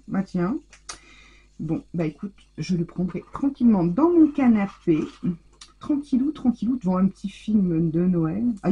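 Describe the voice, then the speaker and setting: A woman with a medium-pitched, dark voice and a breathy edge hosts a casual scrapbooking vlog, opening mail. She gushes effusively over the handmade gifts she unwraps, and the sound is lo-fi.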